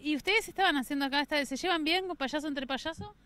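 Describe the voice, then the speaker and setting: Bright high-voiced woman TV host. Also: fast talker. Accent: Uruguayan Spanish. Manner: chatty, exclamatory, teasing. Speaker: TV morning show host. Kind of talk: on-location TV interview.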